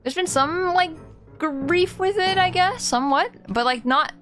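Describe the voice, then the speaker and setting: A woman's voice: extremely high pitch, unhurried, a bit bright. A woman live-streaming a game and chatting with viewers in a cute, bubbly streamer manner, with singsong greetings. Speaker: variety streamer and artist. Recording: game music behind the voice.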